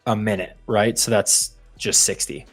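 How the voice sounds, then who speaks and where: A man's voice: lowish voice, measured pace, husky, faint music behind. A man co-hosting a live coding stream, casually talking through the demo he is building as he goes. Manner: thinks aloud while building, relaxed and meandering.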